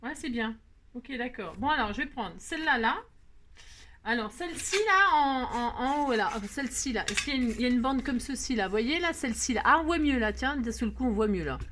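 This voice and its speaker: A woman's voice: on the high side, animated, brisk, fairly bright tone, slight background noise. Chatty, playful woman teaching a craft. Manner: playful, teasing asides, talks straight to viewers; narrates her hands, frequent "hop" and filler words. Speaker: craft tutorial host. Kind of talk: casual chatty tutorial.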